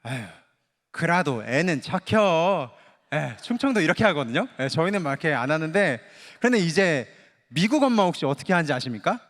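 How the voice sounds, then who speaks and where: A junior pastor from Chungcheong delivering a Wednesday Bible exposition sermon in a church sanctuary, animated, asking the congregation questions and mimicking voices. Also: male voice, on the high side, fast. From Chungcheong, Korea. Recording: long church hall reverb.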